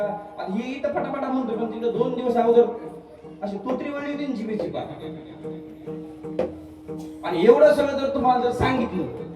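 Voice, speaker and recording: A man preaching a devotional kirtan sermon in a festival pandal, firing questions at the crowd and repeating phrases in a call-and-response cadence. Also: very high voice. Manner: fires questions at the crowd, urging answers. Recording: echoey PA from far off, with music.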